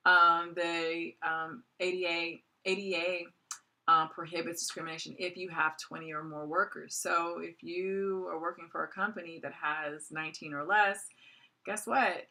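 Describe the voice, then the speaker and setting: Low, bright-voiced woman lecturing. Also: fairly even intonation, normal speed. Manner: conversational, many "um" fillers. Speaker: college lecturer. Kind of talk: recorded course lecture.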